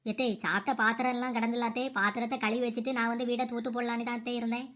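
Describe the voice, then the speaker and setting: A woman's voice: fairly high pitch, level tone, racing, voice pushed down, natural voice. A woman voicing a patient, submissive young daughter-in-law in a cartoon comedy. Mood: apologetic. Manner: soft, apologetic, pleading.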